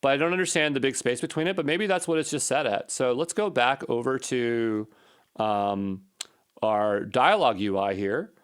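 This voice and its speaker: In this casual think-aloud screencast, a programmer mutters informally to himself while debugging his code during a recorded session. He has a clean-toned, mid-range voice and a moderate pace.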